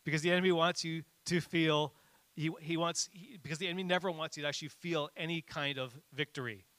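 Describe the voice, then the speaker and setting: Bright, animated male preacher. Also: a little high, quick pace, no echo. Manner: animated, rises sharply for emphasis; conversational with frequent fillers. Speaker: pastor. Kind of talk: sermon.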